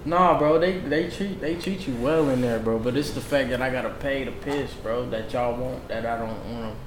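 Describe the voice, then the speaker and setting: A man talks in loose, slangy hangout style, emphatic and heavily profane, peppering everything with "bro". His medium-pitched voice rings in an echoey room with clear background noise. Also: normal speed. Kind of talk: casual, slangy hangout chat.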